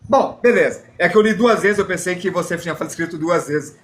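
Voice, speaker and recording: A Brazilian man leads a live drawing lesson in a fairly high voice. He talks casually and makes fun of himself, explaining each step as he draws and answering the chat. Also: brisk, fairly bright tone. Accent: Brazilian Portuguese. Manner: chatty, self-deprecating, explains while drawing. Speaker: drawing teacher.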